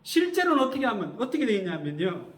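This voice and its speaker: Animated, high-voiced preacher in an echoey church. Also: male voice, fast. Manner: asks the congregation questions and answers them. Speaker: pastor. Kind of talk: sermon. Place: church sanctuary.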